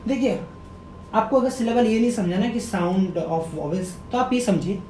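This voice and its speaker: A man teaches grammar in a fairly high, mellow voice. He keeps quizzing his viewers, repeating each answer as a question and sounding words out slowly. The room is echoey, with a faint rumble underneath. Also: expressive. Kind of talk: grammar lesson to camera.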